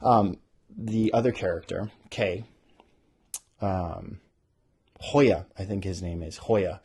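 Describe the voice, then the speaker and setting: A man talking casually as an author hosting a podcast, animated and often interrupting himself as he thinks aloud. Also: low voice, slow, breathy edge. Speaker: author hosting a podcast about their own book. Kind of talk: casual rambling talk with bits read aloud.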